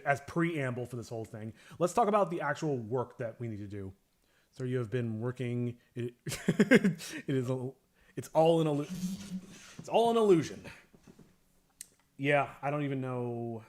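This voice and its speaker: A man's voice: mid-range voice, unhurried. Male streamer, casual rambling host, mid-range voice, jokey asides. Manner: rambling, joking, lots of fillers. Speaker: animator streamer. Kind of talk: casual livestream chat.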